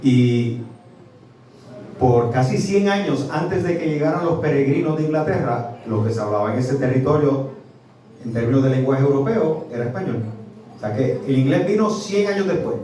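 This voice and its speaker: A Puerto Rican man giving a lively public talk as a professor, quizzing his audience as he goes. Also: medium pitch, normal speed. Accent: Puerto Rican Spanish. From Puerto Rico. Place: restaurant event space. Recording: echoey venue, mic from a distance.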